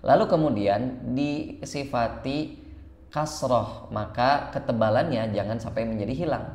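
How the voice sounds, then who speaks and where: A man's voice: medium pitch, darkish tone, reverberant. Indonesian man teaching Quran recitation. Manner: alternates slow drawn-out chanting with quick explanations. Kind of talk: online recitation lesson.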